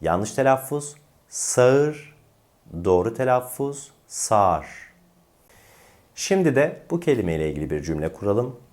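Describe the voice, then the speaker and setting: A man teaching a diction lesson, slowly and deliberately demonstrating right and wrong pronunciations. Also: medium pitch, very animated, darkish tone.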